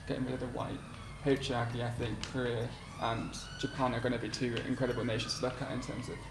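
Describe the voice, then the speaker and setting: A man's voice: mid-range voice, flat delivery, fast talker, vocal fry. A man in his twenties speaking on a panel, enthusiastic and rambling. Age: 20s. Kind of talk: panel discussion. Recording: echoey hall with noise.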